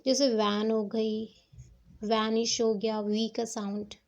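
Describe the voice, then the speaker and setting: A woman's voice: on the high side, little pitch movement, takes it slowly, darkish tone, highs cut off. A woman teaching shorthand strokes step by step, patiently checking that her students follow. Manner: patient, repeats "ठीक है" to check understanding. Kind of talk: step-by-step classroom explanation.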